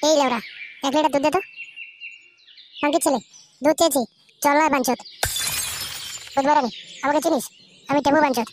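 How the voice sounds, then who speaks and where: A woman's voice: high-pitched, fairly even intonation, fairly quick, long pauses, a little mellow, slight background noise, lightly acted. A woman voicing a cocky, boastful young man in a cartoon, cursing brashly.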